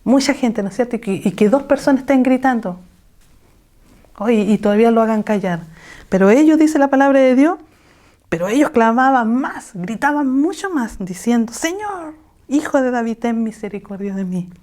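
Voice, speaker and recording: Woman, women's Bible teacher on a video call, mellow and exhortative. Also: a little high, lively intonation, moderate pace. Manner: exhortative, asks the listeners rhetorical questions. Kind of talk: online women's Bible lesson.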